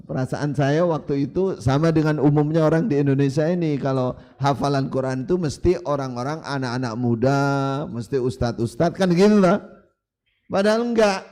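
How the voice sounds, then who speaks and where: A man's voice: a little high, normal speed, dark tone. A male preacher, giving a sermon in an emphatic storytelling manner. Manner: emphatic, storytelling with rising and falling delivery.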